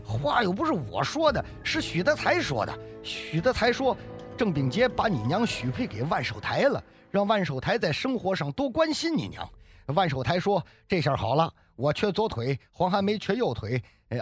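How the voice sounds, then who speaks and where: A man doing a shrill, wailing young soldier. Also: very animated, moderate pace, husky, faint music behind, heavily acted. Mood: whining. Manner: shrill, wailing, tearful complaint. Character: whiny frightened young male soldier.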